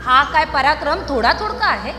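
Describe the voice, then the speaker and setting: An actress playing a bold, teasing young warrior heroine in a musical stage drama. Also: female voice, sits high, very animated, brisk. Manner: playful, teasing. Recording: echoey hall, stage music behind.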